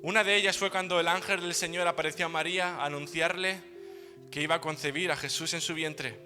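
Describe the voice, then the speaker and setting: A man preaching a sermon as pastor, telling the story in a lively way with playful humor. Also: a little high, fairly quick. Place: church hall. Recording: hall reverb with soft music behind.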